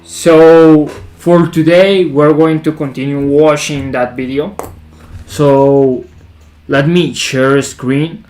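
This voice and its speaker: A man with a fairly high voice hosts a casual livestream at an unhurried, slow pace. He talks in hype gym-bro style, repeating short phrases and leaning on bro-speak. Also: fairly even intonation, a little mellow. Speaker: livestream host.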